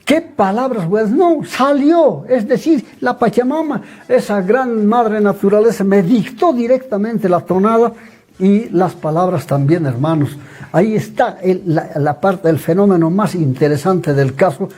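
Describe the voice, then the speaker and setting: An older man from Bolivia giving an emotional personal testimony as an interview guest, calling his listeners brothers, with a husky voice. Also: high-pitched, a little slow, a little mellow. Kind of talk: personal storytelling.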